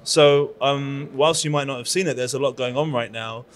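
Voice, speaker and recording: At a conference booth, a man in his thirties from London answers interview questions into a handheld microphone at normal speed and medium pitch. He founded the conference and runs a PR agency, and his British English delivery is enthusiastic and chatty, peppered with fillers and restarts.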